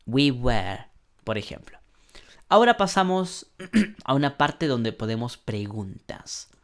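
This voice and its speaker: A man teaching an online English lesson, slowly modeling sentences and translating them, often clearing his throat. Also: mid-range voice. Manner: slow, patient explaining, modeling English sentences then translating.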